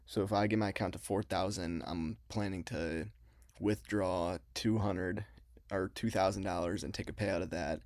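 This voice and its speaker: A man's voice: sits low, steady tone, moderate pace, darkish tone, no room sound, clean studio sound. A young man talking casually in an explanatory vlog, his mouth numb after having a cavity filled. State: mouth numb from a dental filling. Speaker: trading vlogger.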